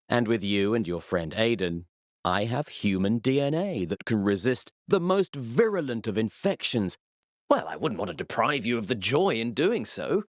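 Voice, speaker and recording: A man's voice: mid-range voice, creaky, fairly bright tone, no echo, clean studio sound, heavily acted. A man playing an arrogant mad-scientist villain in a video game, speaking with precise, theatrical, pompous menace. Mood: gloating, grandiose, then smug, mocking. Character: the Baron, arrogant male mad-scientist villain, cold and gloating.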